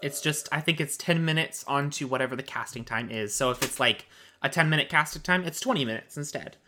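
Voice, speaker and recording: A man running a tabletop game as game master, loose and casual with plenty of fillers. His voice is bright and clear. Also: a little high, brisk, slight background noise. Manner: casual, filler-heavy, laughing often.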